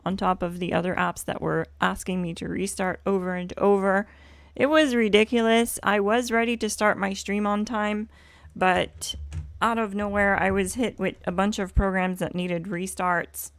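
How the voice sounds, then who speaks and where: Scratchy, creaky-voiced woman streamer. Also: medium pitch, steady tone, normal speed, dry recording. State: hoarse from swollen throat. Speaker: live streamer, host. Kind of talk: casual game livestream chat.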